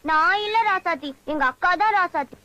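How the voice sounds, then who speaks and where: An actress playing a sharp-tongued teenage village girl who snaps back in a film comedy. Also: very high voice, moderate pace, no echo, highs cut off. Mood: retorting. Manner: retorting, indignant.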